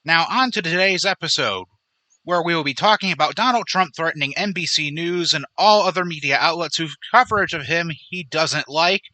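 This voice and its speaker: A man's voice: on the high side, fairly quick, sharp tone, no echo, poor audio. A man hosting his own political commentary podcast, speaking in a sarcastic, indignant way. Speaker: podcast host.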